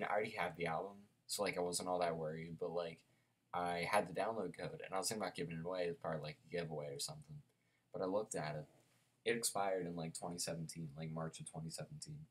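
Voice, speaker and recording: Low-voiced young man rambling about music. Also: husky. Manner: rambling, many fillers and restarts. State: sleepy, yawning. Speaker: album reviewer. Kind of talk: casual spoken album review.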